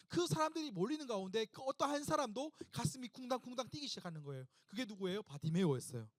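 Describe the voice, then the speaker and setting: High-voiced emphatic male preacher. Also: no echo. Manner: emphatic storytelling preacher, repeating phrases and questioning the congregation. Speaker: pastor. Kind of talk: sermon to a young adults' service.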